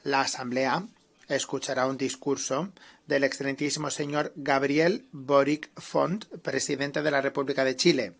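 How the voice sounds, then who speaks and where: A man's voice: mid-range voice, level tone, normal speed, gravelly. A man presiding over an assembly, reading ceremonial announcements and introductions in a formal manner. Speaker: assembly president chairing the session. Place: large assembly hall.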